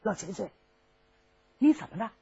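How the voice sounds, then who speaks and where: A woman's voice: medium pitch, sing-song, moderate pace, gravelly, mellow, husky, heavily acted. A woman voicing a shrewd older general who blusters and coaxes, in a dull lo-fi recording. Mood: coaxing.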